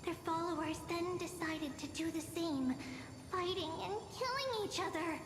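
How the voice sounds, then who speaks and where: A woman voicing a tiny, chirpy and bossy bath sprite who tells a story as a history class, in a sped-up squeaky chipmunk voice with a sing-song delivery. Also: moderate pace. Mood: storytelling. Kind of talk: video game cutscene voice acting. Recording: echoey room with loud music.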